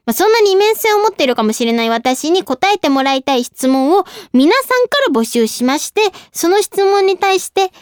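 A young woman hosting a casual radio talk show, reading listener mail with a bubbly, giggly, animated manner. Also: very high voice, normal speed, hardly any pauses, no echo, studio quality. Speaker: idol radio host.

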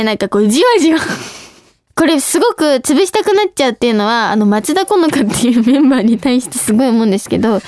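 A woman's voice: a little high, a little mellow, dry recording, clean studio sound. A young woman hosting a radio show, reading listener mail and chatting casually, bubbly and often breaking into giggles.

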